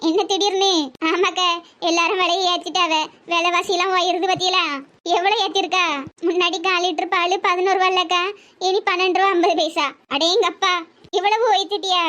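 A woman's voice: very high voice, a bit bright. A woman with a Tirunelveli Tamil accent voicing several village women in a comic cartoon, scolding and wailing in local dialect. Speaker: voice actor doing all women in a cartoon.

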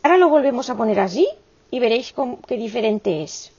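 A woman's voice: fairly high pitch, expressive, quick pace, darkish tone, breathy edge, dull audio. A woman, teaching a crochet tutorial in a chatty, affectionate way full of exclamations and diminutives.

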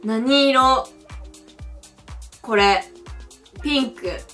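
A woman's voice: on the high side, extremely slow, pushed and bright, soft background music. A young woman from Japan playing a mobile quiz game, reading the questions aloud and reacting with chatty, giggly, blunt comments. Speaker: game streamer. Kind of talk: casual playthrough commentary.

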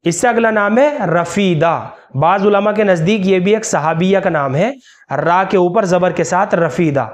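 A man teaching as a religious scholar, slowly spelling out names letter by letter in a careful instructional talk. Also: high voice. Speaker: Islamic scholar.

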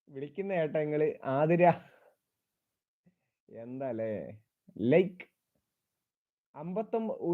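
A man's voice: fairly high pitch, no echo. A man hosting a casual live stream, chatting, teasing and greeting viewers by name as he reads their comments. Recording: dry, slightly dull sound.

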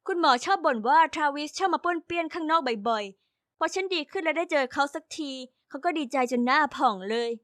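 A woman's voice: sits high, expressive, a little fast, fairly bright tone, dry recording, studio quality. A woman narrating a story in the first person in an earnest way.

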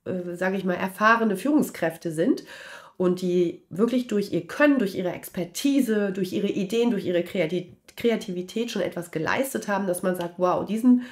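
A woman coach giving a frank, opinionated solo monologue with lively emphasis. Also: mid-range voice, normal speed. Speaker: awareness coach.

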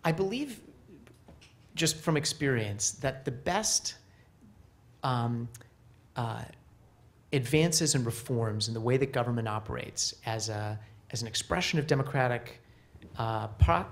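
A middle-aged man speaking on a conference panel stage into a handheld mic, casual and animated, with many fillers and restarts. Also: mid-range voice, measured pace, gravelly. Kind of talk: panel discussion.

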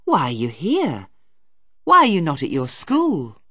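A woman reading a storybook voicing a stubborn, angry teenage boy with a sharp, demanding manner. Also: low-pitched, huge pitch swings, a little slow, slightly rough, no echo, clean studio sound, pitched above the performer's own voice, heavily acted. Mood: tense.

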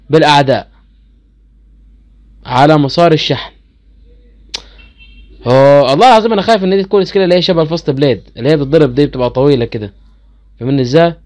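A man's voice: fairly high pitch, darkish tone. A man with an Egyptian accent chatting casually to viewers as he explains game skills, easily incredulous. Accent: Egyptian Arabic. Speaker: gaming channel host.

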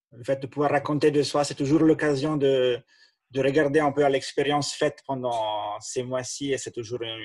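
A man, a doctor giving his testimony from an attic room over a video call, halting with many fillers. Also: mid-range voice, a little mellow, no room sound. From Italian-speaking Switzerland. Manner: hesitant, many fillers and restarts. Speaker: internal medicine doctor. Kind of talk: panel testimony. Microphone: laptop webcam on a video call.

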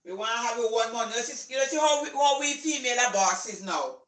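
A woman's voice: on the high side, expressive, a little fast, echoey room. An older woman with a Jamaican accent, chatting casually in her home kitchen as a cooking vlogger, slipping into patois and laughing often. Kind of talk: casual chat while cooking. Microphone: phone camera set on the counter.

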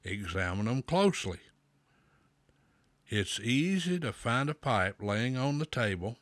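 A man hosting a pipe smoking show, giving slow, folksy advice with a pipe in his mouth. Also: mid-range voice, lively intonation, no echo. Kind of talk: casual talk to camera.

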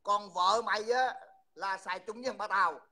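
A man's voice: high-pitched, brisk, bright, forceful tone. A man, hosting a livestream and mockingly insulting someone over and over. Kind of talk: heated livestream taunting.

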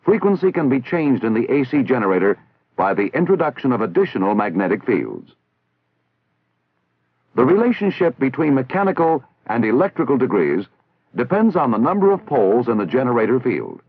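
This is scripted instructional narration from a 1960s military training film, read by an American man with formal, careful, teaching-style enunciation and lively intonation. His mid-range voice is slightly rough, and the dry recording has a thin, band-limited vintage film quality.

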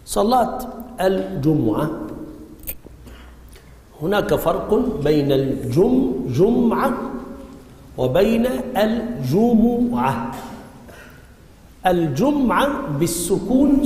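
A man's voice: sits high, a little mellow. A man with an Egyptian accent teaching a religious lesson, often firing questions at his students and waiting for them to answer. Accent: Egyptian Arabic. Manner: quizzes students with frequent call-and-response questions. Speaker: Islamic jurisprudence teacher. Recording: echoey hall reverb.

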